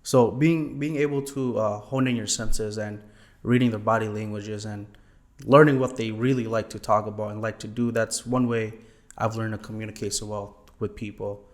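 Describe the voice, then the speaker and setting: Young guy from thailand, lowish voice, polite, yes sir a lot, lots of ums. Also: fairly even intonation, normal speed. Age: young adult. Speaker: guest, former college student. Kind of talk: casual interview answers.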